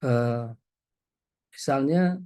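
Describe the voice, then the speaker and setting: A man from Indonesia giving a relaxed, conversational religious lecture, telling stories and often pausing with small hesitations. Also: mid-range voice, clear, resonant tone. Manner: relaxed, storytelling, frequent hesitations. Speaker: Islamic preacher.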